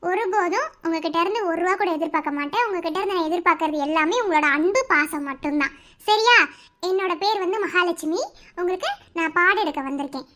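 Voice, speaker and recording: A woman's voice: very high-pitched, fast talker, a bit bright. A woman voicing a Tamil cartoon story, talking in a sweet, coaxing, motherly way to children. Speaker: voice of cartoon characters.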